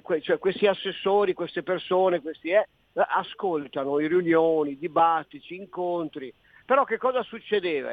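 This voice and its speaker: A man's voice: on the high side, no room sound. An older man from northeastern Italy calling in to a radio show over a phone line, talking emphatically and insistently with frequent restarts. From Friuli Venezia Giulia, Italy. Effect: heard over a phone line. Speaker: caller. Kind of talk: call-in talk radio. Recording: tinny dry phone line.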